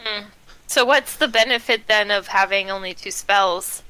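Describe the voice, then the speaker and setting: A woman's voice: medium pitch, moderate pace, bright, forceful tone, smooth, rough recording. A woman playing a tabletop game, chatting casually and asking short questions. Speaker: player.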